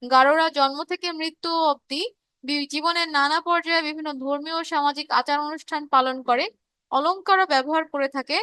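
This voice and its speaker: A woman with a high, bright voice and a Bangladeshi Bengali accent teaches a live online revision class. She explains step by step, pausing on fillers and restarts, and reads students' chat messages aloud. The recording is close and dry, with no room sound. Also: dry recording.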